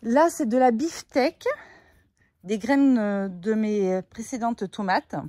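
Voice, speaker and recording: A woman with a slightly high voice walks through her vegetable garden, explaining each bed in a casual, chatty way full of little fillers. The sound is dry and close, recorded outdoors. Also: takes it slowly, mellow, dry recording. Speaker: gardening vlogger.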